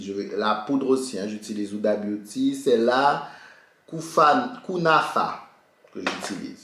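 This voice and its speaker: A man's voice: echoey room, slight background noise. A man telling a story in a casual chatty way while doing his makeup, acting out dialogue with big jumps in his voice. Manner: animated, re-enacts dialogue with big pitch jumps. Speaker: beauty vlogger.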